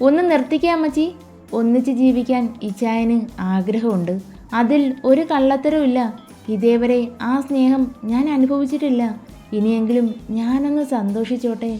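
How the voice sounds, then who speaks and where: A woman's voice: on the high side, normal speed, dark tone, soft background music, close to an everyday voice. A woman voicing a tender, pleading wife. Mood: upset.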